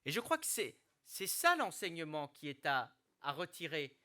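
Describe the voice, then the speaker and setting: A middle-aged mayor gives a New Year speech in a hospital hall, his voice very bright and forceful, pitched a touch high for a man, with wildly swooping pitch. He speaks earnestly and deliberately in a formal address, often restarting a phrase before pressing on to the key word.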